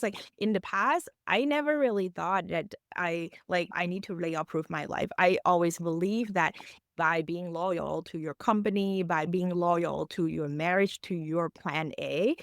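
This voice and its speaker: Woman, earnest and low-pitched. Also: dry recording, clean studio sound. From Thailand. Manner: earnest, explanatory, non-native phrasing. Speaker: financial coach. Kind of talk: podcast interview.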